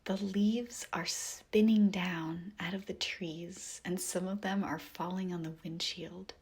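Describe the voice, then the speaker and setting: In a soft, breathy whisper, a woman guides listeners through a meditation visualization, gentle and soothing, leaving long pauses. Her pitch sits fairly low and her tone stays steady.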